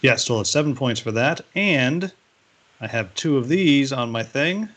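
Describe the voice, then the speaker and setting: A man's voice: mid-range voice, expressive, normal speed, a bit bright. A man playing a board game with friends, teasing them and counting his moves aloud. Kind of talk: casual game-night chat.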